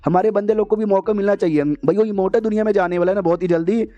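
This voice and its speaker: A man's voice: high-pitched, quick pace, dark tone, dry recording. A man narrating an anime recap in a chatty, slangy way. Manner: chatty, slangy, laughs at the story. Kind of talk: casual storytelling recap. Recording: dull lo-fi recording.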